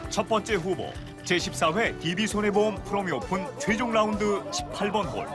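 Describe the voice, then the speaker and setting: A man delivering scripted highlight commentary as a golf commentator, in an announcer's style. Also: normal speed. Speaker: golf commentator, video narrator. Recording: music bed under voice. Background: loud background music.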